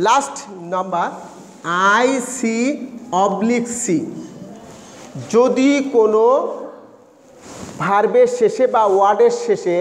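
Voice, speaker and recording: A man teaching an English grammar lesson, explaining rules and spelling words out letter by letter. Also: extremely high pitch. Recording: echoey room with faint noise.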